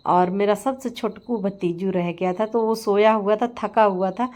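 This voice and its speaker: A middle-aged woman narrates her home vlog in a relaxed, chatty voice. She talks at an easy pace, laughing along as she tells the story. Her voice sits at a medium pitch. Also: a little slow. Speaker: vlogger. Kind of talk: casual vlog voice-over.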